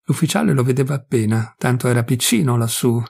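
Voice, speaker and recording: A man reading a classic novel aloud in a measured, deliberate and solemn way. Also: medium pitch, gravelly, a little mellow, breathy edge. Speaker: audiobook reader. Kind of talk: scripted narration of a classic novel.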